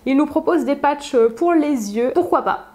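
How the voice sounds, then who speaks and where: A woman's voice: high-pitched, expressive, normal speed, a little mellow. A young woman chatting casually as she unboxes beauty products, with frequent fillers and easy laughs. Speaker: beauty vlogger.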